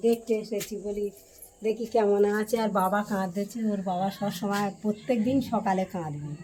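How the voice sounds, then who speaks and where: A woman's voice: medium pitch, moderate pace, mellow. Middle-aged woman chatting over noise. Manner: chatty, tells family news at length. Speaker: vlogger's mother. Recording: noisy home recording.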